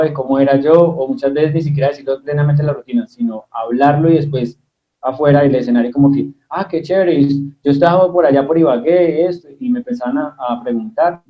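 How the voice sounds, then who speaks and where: A man's voice: medium pitch, dull audio. A young man with a Tolima Colombian accent, a comedian speaking reflectively in a casual interview. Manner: reflective, self-deprecating, fills pauses with "eh". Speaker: comedian guest. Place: at home.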